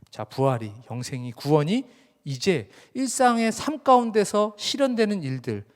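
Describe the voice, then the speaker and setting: A young man preaching a sermon as pastor in a conversational way, speaking directly to his congregation in a church sanctuary. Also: high voice. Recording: reverberant church hall.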